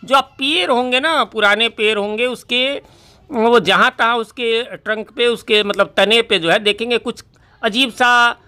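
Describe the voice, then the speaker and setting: A man teaching who explains a poem line by line, reading the words slowly, then asking and answering his own questions. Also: very high voice, bright, forceful tone, smooth. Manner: explains slowly, reads English lines word by word. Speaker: English teacher.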